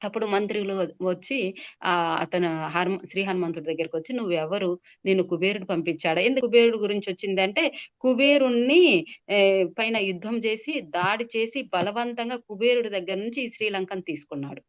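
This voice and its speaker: A woman telling a devotional epic story, explaining words as she goes and pausing with many fillers. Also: medium pitch. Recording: dull lo-fi sound.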